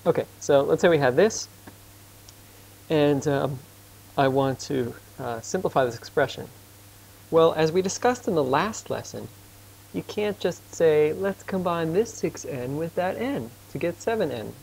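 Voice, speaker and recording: A man's voice: a little high, animated, creaky, darkish tone, a little hiss or hum, low-quality recording. A man tutoring math casually and patiently, asking his student questions as he works. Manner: casual and patient, quizzes his student, admits he talks fast. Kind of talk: informal tutoring lesson.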